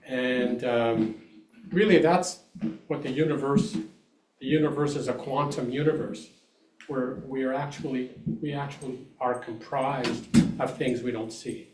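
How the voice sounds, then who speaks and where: A man leading a congregation sharing circle, musing slowly and trailing off. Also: medium pitch, steady tone. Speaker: service leader. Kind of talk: casual group sharing. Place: large echoey church hall. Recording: echoey hall, far mic, faint noise.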